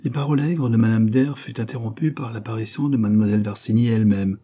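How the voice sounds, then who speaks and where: Husky, dark-voiced male narrator. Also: fairly low pitch, steady tone, quick pace. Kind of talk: audiobook reading of a classic novel.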